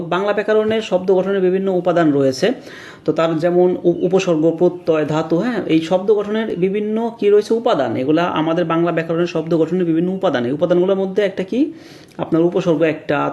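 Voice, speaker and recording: Man, grammar tutor, slide lecture voice-over, soft mellow tone, filler-heavy, asks and answers himself. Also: high voice, dull audio. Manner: explains step by step, many fillers and rhetorical questions; mixes English words into his talk. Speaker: grammar teacher.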